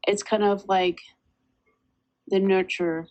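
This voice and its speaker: A woman's voice: medium pitch, flat delivery, takes it slowly, a little mellow, muffled recording. A woman co-hosting a casual spiritual podcast, talking in a reflective, meandering way, a little lispy from a retainer. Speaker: podcast co-host.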